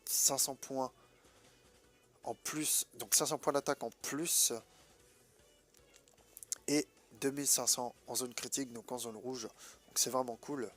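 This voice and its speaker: A gaming video host with a head cold gives casual, colloquial gameplay commentary, his voice congested and nasal from a blocked nose, hesitating as he thinks aloud. His mid-range voice is steady and fairly bright, slow, with long pauses. Faint music plays behind him.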